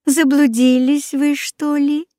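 A woman's voice: sits high, little pitch movement, slow pace, dark tone, no room sound, clean studio sound, voice pushed up. Kindly half-blind old peasant woman, fussing and hospitable; a woman reader plays her.

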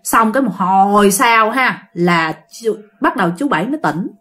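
A woman's voice: mid-range voice, expressive, moderate pace, fairly bright tone. A woman with a Southern Vietnamese accent telling a ghost story in a chatty, casual way, speaking straight to her listeners with many fillers.

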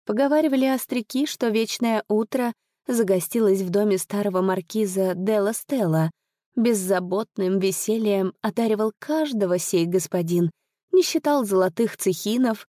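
A woman narrates a fairy tale with measured, expressive delivery. Her voice is dark and mellow. The recording is dry and close, with no room sound. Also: medium pitch, no room sound. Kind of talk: storybook narration.

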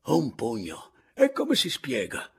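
A man voicing an agitated elderly gentleman spiritualist, fussy and insistent. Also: medium pitch, very animated, moderate pace, slightly rough, pitched above the performer's own voice.

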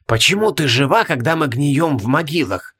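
A man voicing the ghosts of a dead king and queen, speaking in a hushed, reproachful whisper. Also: fairly high pitch, expressive, moderate pace, breathy edge. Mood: accusing. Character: eerie whispering ghosts of dead royal parents, accusing.

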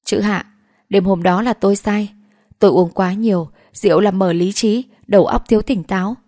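A woman's voice: mid-range voice, fairly even intonation, moderate pace, dark tone, no room sound, clean studio sound, close to an everyday voice. A woman reading the lines of a cruel, commanding young husband in a storybook narration, speaking in a harsh, clipped way. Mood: apologetic.

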